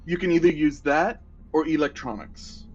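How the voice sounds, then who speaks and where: A man's voice: fairly high pitch, moderate pace, a little mellow, a little hiss or hum. A man narrating a tabletop game as game master, explaining rules with easy laughter. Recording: dull lo-fi audio.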